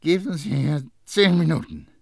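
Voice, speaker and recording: A man doing a croaky, pressed-voiced odd young man. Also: on the high side, normal speed, darkish tone, dry recording, studio quality, pitched above the performer's own voice. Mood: insistent. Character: strange, spider-like young man with uncanny nose. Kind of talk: audiobook character voice.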